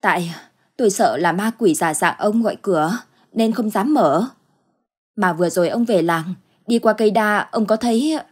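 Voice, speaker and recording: A woman voicing a worried elderly village wife in a ghost story, chiding and reassuring, with a husky voice. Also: medium pitch, moderate pace, lightly acted.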